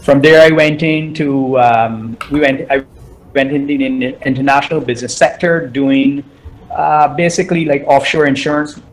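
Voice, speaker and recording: Man, measured and thoughtful. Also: medium pitch, steady tone, a little hiss or hum, low-quality recording. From Barbados. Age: middle-aged. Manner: measured, restarts and repeats words while thinking. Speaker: guest entrepreneur. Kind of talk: casual interview answers.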